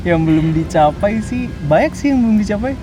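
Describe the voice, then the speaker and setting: A 21-year-old man, being interviewed and chatting casually, pausing often to search for words. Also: high-pitched, lively intonation, over music. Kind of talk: casual chat.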